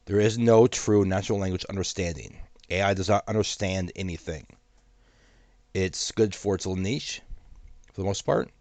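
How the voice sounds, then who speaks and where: A man with a deep, low voice talks through his points with a steady, cautionary manner and the odd wry aside. His voice sounds congested from a sinus infection. The sound is dry and close, with no room around it. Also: moderate pace, no room sound. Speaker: host of an AI commentary channel. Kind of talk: solo commentary to camera.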